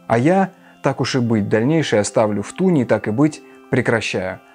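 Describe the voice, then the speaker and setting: A man reading an audiobook, voicing a smug, wordy gentleman who hems and mumbles. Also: mid-range voice, animated, normal speed, faint music behind, lightly acted. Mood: pompous. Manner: wordy, pompous, hesitant mumbling. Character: pompous middle-aged gentleman, smug and fussy.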